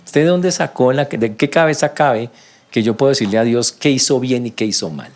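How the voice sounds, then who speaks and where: A man preaching a sermon in a mid-range voice. He acts out quoted prayers by jumping up in pitch, then sinks low and quiet for the humble ones. The delivery is lively and conversational, as a pastor talking to his congregation. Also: fairly quick.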